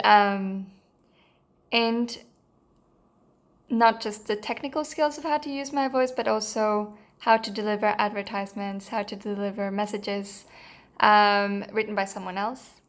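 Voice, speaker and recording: This earnest testimonial comes from a Mexican woman who took part in a course, talking unscripted in a flat, even, medium-pitched voice at a slightly slow pace. She hesitates a lot, using many fillers and starting sentences over.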